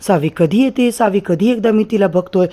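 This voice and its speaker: A man's voice: high-pitched, a little fast, dark tone, lightly acted. A man voicing a worried young man asking where his beloved went. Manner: worried, questioning.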